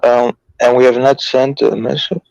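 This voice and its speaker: A man's voice: mid-range voice, fairly even intonation, moderate pace, gravelly, darkish tone, dry recording, dull audio. A man from Turkey debating online, hesitant and asking for clarification. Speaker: debate opponent. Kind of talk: live-streamed religious debate.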